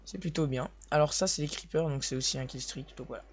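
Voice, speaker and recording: A young man with a sore voice, speaking softly and hesitantly as he comments on his own gameplay, often restarting his sentences. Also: on the high side, fast. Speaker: gaming video host. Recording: slightly dull lo-fi recording with faint hiss.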